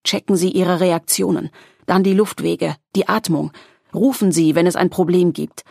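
A woman's voice: on the low side, moderate pace, gravelly, slightly rough, no echo, studio quality. A woman voicing a composed young male officer who gives firm instructions in an audiobook. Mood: firm instructing. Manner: calm, firm and commanding.

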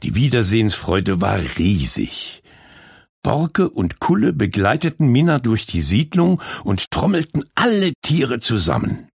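A man narrating a children's story in a calm, expressive reading style. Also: on the low side, unhurried, vocal fry, slightly rough, no echo, clean studio sound.

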